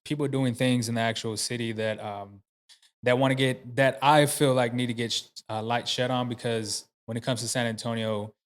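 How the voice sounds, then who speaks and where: A man hosting a podcast, talking casually in a loose, rambling way with many fillers and restarts. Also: mid-range voice. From United States. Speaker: podcast host. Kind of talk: casual interview chat. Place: podcast studio.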